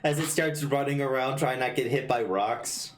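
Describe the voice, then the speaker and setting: A man's voice: medium pitch, normal speed. A man running a tabletop game, narrating casually with blunt, sweary remarks. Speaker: game master. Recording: echoey room, faint noise.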